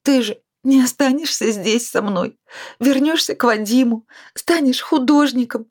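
A woman's voice: sits high, a little slow, darkish tone, voice pushed up. A woman reading a storybook voices a drunk, despairing 42-year-old woman who whines and pleads. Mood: tearful. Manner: whiny, pleading, self-pitying.

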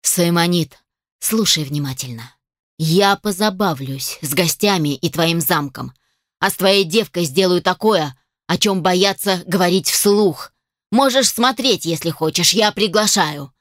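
A woman's voice: on the low side, unhurried, no echo, studio quality, lightly acted. A woman voicing Lance, an arrogant, cruel male phoenix who roars out menacing threats in a fantasy audiobook.

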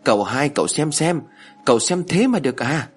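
A bossy old matriarch from a storybook rails and wails at her daughter-in-law, a man putting on her voice. The voice is husky and swoops widely, loud and pushed high. Faint music plays underneath. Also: sing-song, a little fast. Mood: wailing. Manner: loud, wailing, scolding. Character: shrill scolding old mother-in-law.

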